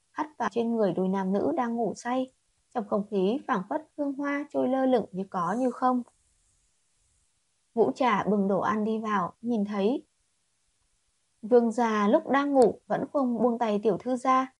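A woman reading a romance novel aloud in steady scripted narration. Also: a little high, husky, dry recording. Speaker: audiobook reader.

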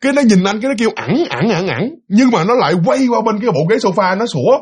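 Male storyteller with a high, husky voice, talking fast and animated through a spooky tale. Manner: animated, fast, with many restarts and hesitations. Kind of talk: casual spoken ghost story retelling.

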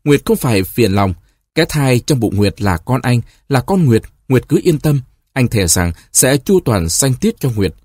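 A man's voice: medium pitch, sing-song, moderate pace, a little mellow, dry recording. A man doing a fickle young lover. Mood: placating. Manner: placating, reassuring.

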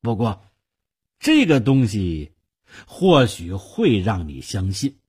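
Man reading as sly older rich uncle, husky and unhurried, calm persuasive manner. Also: fairly low pitch, full character voice. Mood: calm scheming. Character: shrewd older wealthy male uncle, calm and scheming.

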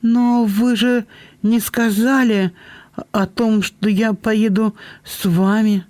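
A man's voice: high-pitched, level tone, darkish tone, dry recording, voice pushed up. Belinda, a flustered young woman, read by a man. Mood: flustered, apologetic. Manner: breathless, flustered, quick to apologize. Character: eager, apologetic young woman.

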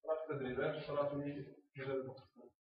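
A man's voice: fairly high pitch, flat delivery. Man teaching in an echoey hall. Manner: repeats phrases slowly, drills words aloud. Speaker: teacher trainer. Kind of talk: classroom instruction on teaching reading. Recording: echoey room, far off, phone-like sound.

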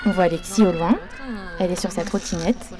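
A woman telling a game as a present-tense story in a lively, casual way. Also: lowish voice, brisk.

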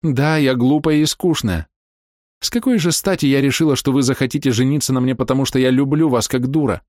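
A man's voice: medium pitch, fairly quick, a little mellow, no room sound, clean studio sound, pitched above the performer's own voice, close to an everyday voice. A man voicing a lonely, self-doubting woman of forty who pleads tearfully in an audiobook reading.

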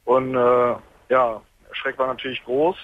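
A man in his twenties calls in from a truck cab on a hands-free speakerphone, telling his story calmly and haltingly. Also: mid-range voice, dry recording. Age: 20s. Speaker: caller. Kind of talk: late-night radio phone-in call. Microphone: car hands-free speakerphone. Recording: tinny phone line, faint road noise.

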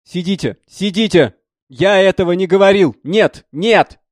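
An excitable young painter, loud and insistent, his voice pitched well above the reader's own, as a male narrator puts him on. It sounds like a storybook reading in a dry, close space. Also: normal speed, dry recording, close to an everyday voice. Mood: frightened. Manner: agitated, talks loudly and insistently.

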